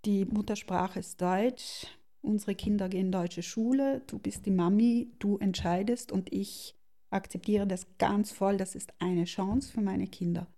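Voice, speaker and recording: A middle-aged woman, thoughtfully telling her life story as an interview guest and often pausing to search for words. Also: mid-range voice, mellow. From South Tyrol, Italy. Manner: thoughtful, searching for words with many pauses and restarts. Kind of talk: reflective personal storytelling.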